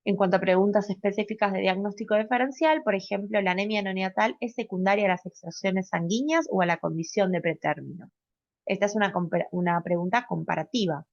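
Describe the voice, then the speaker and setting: A woman teaches a medical class at a medium pitch, walking through examples and checking in with a quick "¿sí?". The sound is muffled and lo-fi, and the room is dry with no echo. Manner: explanatory, often checks in with a rising "¿sí?"; fillers and self-corrections while explaining. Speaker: pediatric residency lecturer. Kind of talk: recorded medical class lecture.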